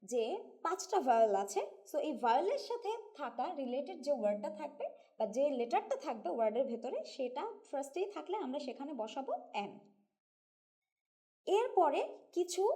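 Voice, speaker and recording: A woman with a Bangladeshi Bengali accent teaches an English grammar lesson. Her voice sits high yet sounds soft and mellow, and she works through each rule patiently, putting questions to her students as she goes. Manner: patient, explains step by step and asks students questions. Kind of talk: classroom-style grammar lesson.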